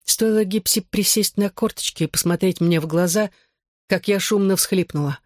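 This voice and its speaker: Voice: mid-range voice, moderate pace, dry recording. Audiobook narrator, first-person novel, tense delivery, dry close mic.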